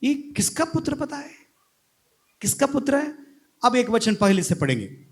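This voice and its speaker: A man's voice: very high-pitched, big pitch swings, normal speed, slightly rough. A male pastor preaching in a church, reading scripture line by line with the congregation and calling out hallelujah. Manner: preaching with call-and-response Bible reading and repeated hallelujahs. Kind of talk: Hindi sermon.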